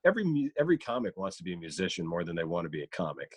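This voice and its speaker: A man's voice: sits low, big pitch swings, rapid-fire, breathy edge, dry recording. A man, a comedian and voice actor, chatting as a podcast guest, reflective and storytelling, slipping into playful voices now and then. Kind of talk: casual chat.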